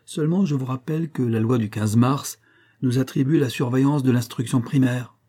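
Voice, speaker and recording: A man reading the part of a calm, stern older male village priest who reproves quietly, in an audiobook. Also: mid-range voice, moderate pace, pitched above the performer's own voice, lightly acted. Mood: measured.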